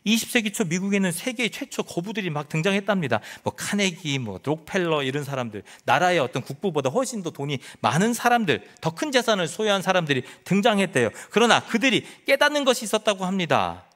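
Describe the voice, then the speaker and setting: A middle-aged male pastor preaching a sermon, swinging between loud declarations and hushed lines and acting out imagined speech. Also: high-pitched, very animated, fairly quick, hardly any pauses. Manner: dramatic, quotes imagined speech.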